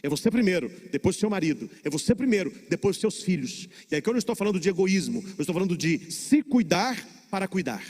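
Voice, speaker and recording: Brazilian priest giving a sermon, highish voice, lots of pauses and repeats, long church echo. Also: male voice, lively intonation, a little mellow. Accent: Brazilian Portuguese. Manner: preaching with dramatic pauses and repetition.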